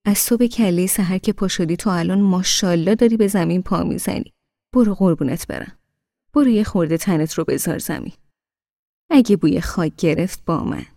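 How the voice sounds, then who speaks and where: Brief: doting, bossy old grandmother, put on by a female reader; raised, loud, coaxing. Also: fairly low pitch, gravelly, no room sound, studio quality. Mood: fussing.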